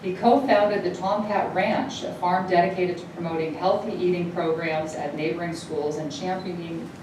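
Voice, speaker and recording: A Dutch-speaking woman hosts a university event, introducing and then interviewing a guest before an audience; she reads the introduction, stumbles, and laughs it off. Her voice is on the low side with fairly even intonation and a normal speed. She's picked up from a distance in an echoey, noisy hall.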